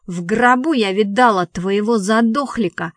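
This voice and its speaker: Sarcastic, sharp-tongued young woman, as a reader puts her on. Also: mid-range voice, normal speed, no echo, studio quality, natural voice. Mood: hissing. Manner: sarcastic, hissing. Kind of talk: audiobook dialogue reading.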